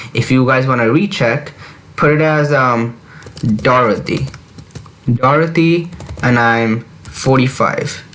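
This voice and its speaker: Slow-talking man teaching beginner coding. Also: medium pitch. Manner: repetitive, reassuring, walks through steps aloud. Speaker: programming tutor. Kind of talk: screen-recorded coding tutorial.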